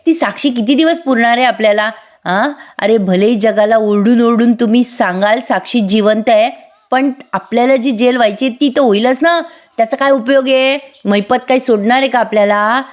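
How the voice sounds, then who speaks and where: A woman's voice: a little high, moderate pace, lightly acted. A woman voicing an anxious scheming young woman. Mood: anxious, sarcastic.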